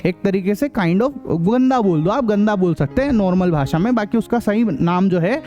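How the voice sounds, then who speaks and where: A man's voice: sits high, lively intonation, moderate pace, warm tone, lo-fi sound, soft background music. A man with a Hindi accent teaching a science class, repeating key terms and quizzing students in a casual way. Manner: repeats key terms and asks quiz questions back; casual, addresses students as brother. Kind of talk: explanatory classroom lesson.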